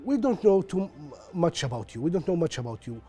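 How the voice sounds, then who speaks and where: A man's voice: fairly high pitch, big pitch swings, fast talker, dark tone, soft background music. A man with a Saudi Gulf Arabic accent, an Arabic speaker hosting an interview in hesitant English, searching for his words. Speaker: interviewer and show host. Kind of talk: broadcast interview in hesitant non-native English.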